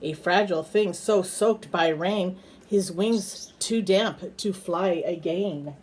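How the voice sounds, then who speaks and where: A woman with a lowish, slightly mellow voice and a breathy edge reads a children's picture book aloud. Unhurried, she stops to ask her bird companion easy, coaxing questions in a chatty tone.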